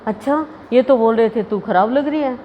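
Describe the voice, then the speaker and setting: A woman's voice: on the high side, fairly quick, muffled recording. Chatty woman preacher in a hall. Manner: homely, chatty, laughs at her own stories. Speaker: spiritual preacher. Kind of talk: devotional discourse with anecdotes. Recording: reverberant hall, faint ambient noise.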